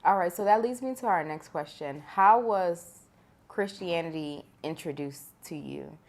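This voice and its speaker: A woman's voice: on the low side, a little slow. A woman co-hosting a podcast, chatting casually and asking her co-hosts questions. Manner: conversational, asks the questions. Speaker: podcast co-host.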